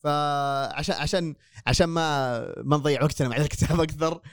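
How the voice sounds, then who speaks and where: A man's voice: on the high side, steady tone, fast, clear, resonant tone, dry recording, clean studio sound. Easygoing man. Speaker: podcast host. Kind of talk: casual chat.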